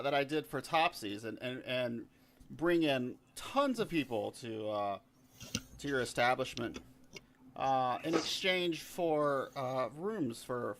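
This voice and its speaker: A man voicing an eager young bard who stammers and repeats himself while pitching his talents. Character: eager young male bard, fast-talking self-promoter.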